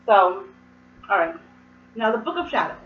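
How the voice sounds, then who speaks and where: This host, in a mid-range voice, explains things casually in a chatty, rambling way full of fillers and asides. She's hoarse from a cold and coughs occasionally, and the dull, distant mic makes the room sound large.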